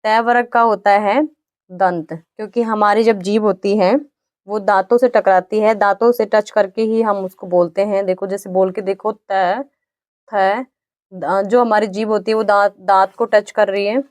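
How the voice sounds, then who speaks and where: A woman teaching an exam-prep grammar lesson, patiently repeating definitions and sounding out each letter slowly. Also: mid-range voice, steady tone, no echo, studio quality.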